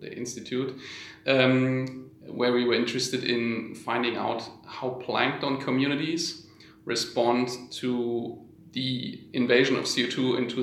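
A man's voice: medium pitch, fairly bright tone. Male scientist explaining, in an echoey room. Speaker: guest research scientist. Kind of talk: explanatory interview talk. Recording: roomy, echoing sound.

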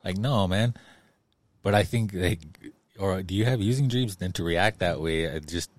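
A man hosting a podcast in casual discussion, thinking aloud in a halting, conversational way. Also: deep voice, no room sound. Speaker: podcast host running the playback.

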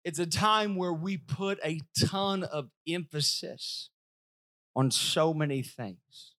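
Pastor guy preaching slow and emphatic, kinda high voice, quiet music under him. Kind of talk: sermon.

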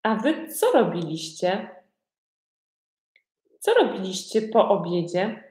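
A woman's voice: medium pitch, big pitch swings, slow pace, darkish tone. A woman teaching a language lesson, asking learners simple questions over and over. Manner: asks learners many simple repeated questions. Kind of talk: slow repetitive language lesson. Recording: echoey room.

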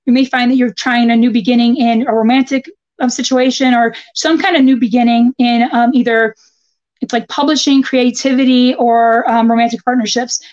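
A woman astrologer giving a casual horoscope reading, informal and halting as she thinks aloud. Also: a little high, steady tone, a little mellow, muffled recording. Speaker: guest astrologer.

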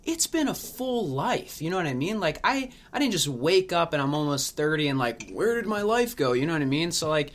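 A man's voice: a little high, sing-song, fairly quick, few pauses. A man in his late twenties chatting casually and reflectively, full of "like" and "you know what I mean". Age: late 20s. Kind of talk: casual conversation.

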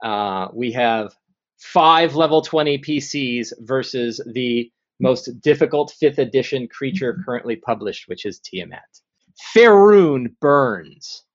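A male game master narrates a tabletop fantasy game with dramatic phrasing. His voice sits at a medium pitch, and the recording is dull and lo-fi. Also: animated, slow pace.

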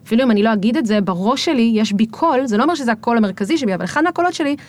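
Fast reflective woman on a podcast. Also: on the high side, lively intonation. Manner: reflective, talks fast with many fillers. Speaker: podcast guest. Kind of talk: casual podcast conversation.

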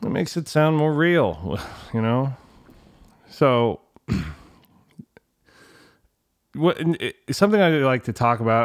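A man's voice: mid-range voice, dry recording, studio quality. A middle-aged man hosting a casual solo podcast from a home room, talking in a colloquial, mildly salty way, rambling and often doubling back on his own words. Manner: rambling, self-interrupting, repeats words. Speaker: podcast host, musician. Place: untreated home room with bare walls and carpet.

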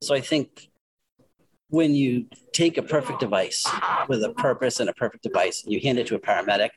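A man's voice: medium pitch, fairly quick, crowd noise, low-quality recording. A man with a Worcester, Massachusetts accent talking in a casual panel discussion and asking the others questions.

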